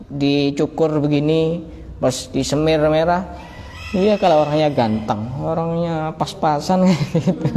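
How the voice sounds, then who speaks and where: A man's voice: a little high, dark tone. A man giving a religious study talk, conversational and joking, acting out exchanges with students. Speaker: preacher. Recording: long hall reverb, faint background noise.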